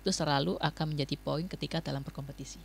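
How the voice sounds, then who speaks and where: A young man from Indonesia, a student club guest on a radio talk show, giving measured explanations with frequent pauses and fillers. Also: fairly high pitch, steady tone, creaky, slight background noise.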